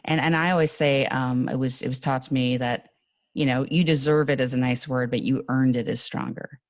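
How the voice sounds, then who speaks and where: Animated New York woman guest. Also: extremely low pitch, no room sound. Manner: animated, laughs often, quick asides. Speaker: podcast guest. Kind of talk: casual conversation.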